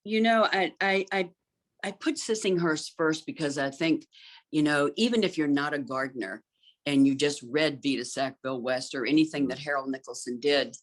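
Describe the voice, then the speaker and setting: A woman's voice: low voice, moderate pace. A middle-aged woman, an interior designer, chatting about gardens in a thoughtful, fluent way with frequent ums. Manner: thoughtful, fluent with many um fillers. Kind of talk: conversational talk about gardens.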